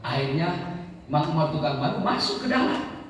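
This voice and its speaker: A man's voice: fairly high pitch, moderate pace, recorded from a distance, a little hiss or hum. Man preaching in an echoey hall. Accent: Sundanese. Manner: animated storytelling with emphatic repetition. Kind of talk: sermon. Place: religious gathering.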